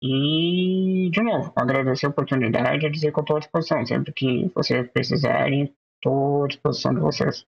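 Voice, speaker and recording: A man talks as a guest on a podcast, hesitant and modest, leaning on fillers. His voice is gravelly and a little raspy. The sound is dull and lo-fi, as if over a remote call. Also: medium pitch, steady tone, fairly quick. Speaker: podcast guest, tech executive. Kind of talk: casual closing remarks.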